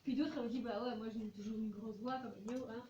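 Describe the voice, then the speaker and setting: Talking fast in a slightly high voice with fairly even intonation, this teacher chats informally with her class and acts out examples of things teenagers say. The audio sounds dull, captured by a faraway mic in an echoey, noisy classroom.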